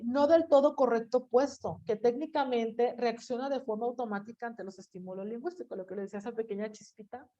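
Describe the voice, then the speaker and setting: Chatty woman teacher, lo-fi sound. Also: on the high side. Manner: chatty, acts out inner voices. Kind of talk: online class lecture. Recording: lo-fi dull audio.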